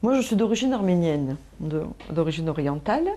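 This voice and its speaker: A woman from France giving a reflective documentary interview about joining hospital nutrition workshops, pausing often with fillers. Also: fairly low pitch, animated, dark tone. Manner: hesitant, reflective, many fillers.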